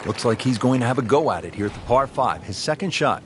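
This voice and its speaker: A man doing golf play-by-play in a measured, understated broadcast commentator manner. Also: mid-range voice, expressive, slight background noise, natural voice.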